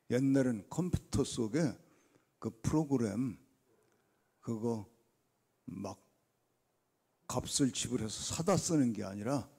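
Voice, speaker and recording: Slow, gravelly older preacher man. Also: medium pitch, dark tone. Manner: storytelling, acts out his talks with God. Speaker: guest preacher. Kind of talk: dawn revival sermon.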